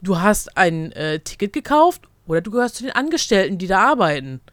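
A woman's voice: mid-range voice, big pitch swings, brisk, no echo. A woman co-hosting a casual podcast chat, thinking aloud and weighing both sides. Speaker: podcast co-host.

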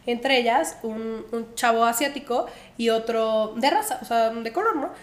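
An animated young Mexican woman tells a story with plenty of slang and laughter. Her voice sits high. The room is echoey. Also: a little slow. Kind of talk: casual storytelling chat.

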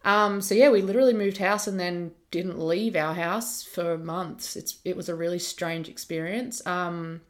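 A woman's voice: fairly low pitch, measured pace, hardly any pauses. A young Australian woman co-hosting a podcast, chatting in an upbeat, rambling way. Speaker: podcast co-host. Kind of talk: casual chat.

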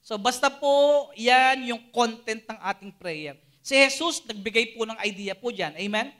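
A man preaching to a youth group, animated and always checking in with his listeners. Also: very high voice, measured pace. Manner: animated, keeps asking the listeners "Amen?" and "di ba?". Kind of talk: Taglish sermon to a live and Zoom audience.

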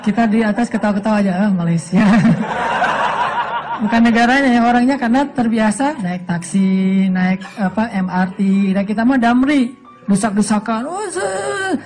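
A man from Aceh giving a humorous religious talk as a preacher, telling stories in a lively way and acting out quotes in a raised voice. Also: high voice, normal speed, soft background music. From Aceh, Sumatra. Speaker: Islamic preacher.

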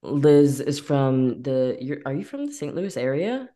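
A woman's voice: rumbling low, sing-song, unhurried, warm tone. A woman podcast host asking her guests questions in a casual, chatty way.

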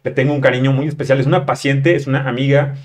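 A man's voice: mid-range voice, steady tone, quick pace. Chatty Mexican male host using slang. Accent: Mexican Spanish. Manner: chatty, slangy, reads viewer questions. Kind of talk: casual interview chat.

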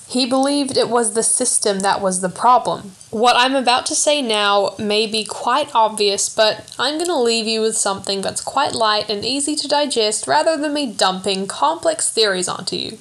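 Fairly high-voiced woman host, casual and chatty, breaks off for excited self-aware asides. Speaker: podcast host. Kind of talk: casual film analysis commentary.

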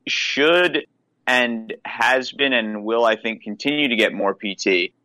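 Low-voiced man chatting casually on a podcast. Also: sharp tone, no room sound, rough recording. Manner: loose, profane, rambling with fillers. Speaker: basketball podcast analyst.

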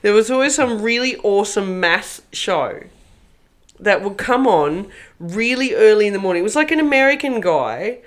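A woman's voice: mid-range voice, expressive, normal speed. Australian woman, podcast co-host, casual chat, laughs a lot, swears freely, mid-range voice.

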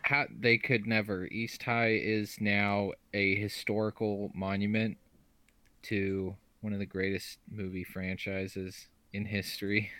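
Hoarse low-voiced man on a sports podcast. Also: little pitch movement, takes it slowly, sharp tone, no echo. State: hoarse, losing his voice. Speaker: podcast co-host. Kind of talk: casual sports podcast chat.

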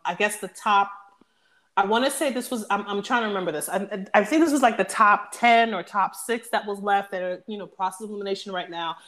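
A woman's voice: medium pitch, fairly quick, fairly bright tone. A woman hosting a podcast, telling a story in casual chat and insisting she gets to finish. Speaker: podcast host.

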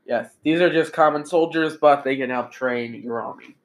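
A man improvising casually as game master of a tabletop game, halting and jokey as he narrates. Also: on the high side, a little hiss or hum.

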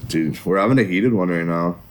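A man's voice: sits low, a little fast. A young man co-hosting a casual podcast chat, laid-back and reacting with a lot of swearing. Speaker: podcast co-host.

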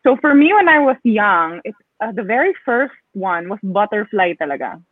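Young filipina, filipino accent, rambly laid back guest, sounds like a phone call, super dry. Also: female voice, mid-range voice, moderate pace, no echo. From Philippines. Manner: relaxed, rambling, hedging with fillers. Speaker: guest athlete. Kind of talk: casual interview chat, mixing English and Tagalog. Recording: tinny phone-like dry line.

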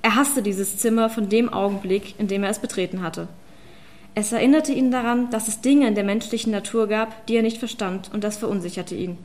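A woman reading a fantasy audiobook as narrator, in even, measured storytelling. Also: medium pitch. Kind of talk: scripted narration.

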